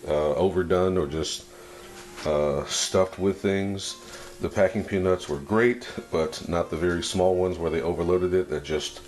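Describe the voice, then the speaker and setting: A man with a very low voice reviews a product in an easygoing, approving way. He speaks quite slowly, thinking aloud in short, broken phrases as he comments on an unboxing, with faint music in the recording. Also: a little mellow. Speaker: fragrance reviewer.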